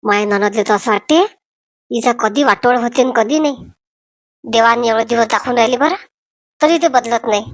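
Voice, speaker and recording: In a Marathi comedy cartoon, a woman voices gossipy, scheming village women, speaking with a Varhadi accent from Vidarbha in a colloquial, dramatic, aggrieved way. Her natural voice is a little high, at normal speed with long pauses, on a dry recording.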